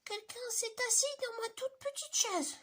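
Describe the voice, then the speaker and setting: A woman reading a storybook and voicing a tiny, kind young bear in a loud, squeaky, very high voice. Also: normal speed. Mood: whiny.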